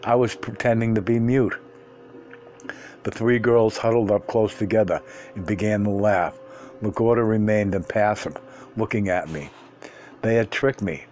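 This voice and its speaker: A man reading a first-person story aloud, unhurried, sometimes stumbling and restarting words. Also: lowish voice, a little mellow. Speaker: reader.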